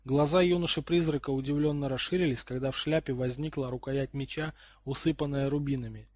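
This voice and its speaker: Husky man reading a storybook aloud. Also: mid-range voice, fairly even intonation, brisk, darkish tone, dry recording, studio quality. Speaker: audiobook reader. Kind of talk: storybook narration.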